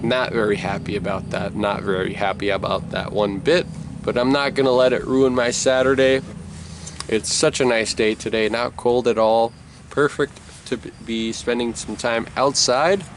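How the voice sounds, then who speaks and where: With tobacco tucked in his mouth, a reviewer gives an easygoing, rambling take on a product, his medium-pitched voice fairly even in intonation and moving at a normal speed. It's recorded outside in a noisy spot, with people talking loudly close by and vehicles going past.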